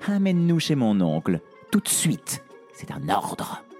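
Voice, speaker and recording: A man voicing a spoiled, bossy young princess in a storybook tale, snapping and shouting insults at everyone. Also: medium pitch, wildly swooping pitch, unhurried, faint music behind. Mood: imperious.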